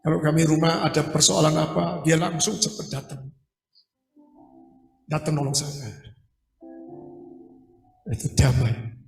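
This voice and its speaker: High-voiced man preaching in a hall. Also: fairly even intonation, measured pace, creaky, long pauses. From Indonesia. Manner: vivid storytelling, mixing in local slang and English phrases. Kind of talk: personal testimony sermon. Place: indoor retreat hall. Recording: echoey hall from far off, faint music.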